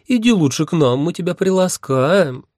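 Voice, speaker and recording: A man's voice: fairly high pitch, expressive, moderate pace, a little mellow, no echo, clean studio sound, pitched above the performer's own voice. A man voicing a lovestruck, giggly two-headed young maiden in a sing-song, gushing manner. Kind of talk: audiobook character voice.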